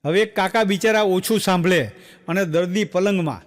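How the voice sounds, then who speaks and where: A man with a Gujarati accent telling jokes on stage as a stand-up comedian, animated and acting out the voices in his stories. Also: high voice, moderate pace, big-room sound.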